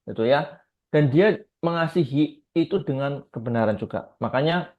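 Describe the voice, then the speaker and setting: A man preaching a conversational sermon, asking his listeners rhetorical questions and often tagging his sentences with short fillers. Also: medium pitch. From Indonesia. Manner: asks rhetorical questions, frequent filler tags. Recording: tinny phone-like audio.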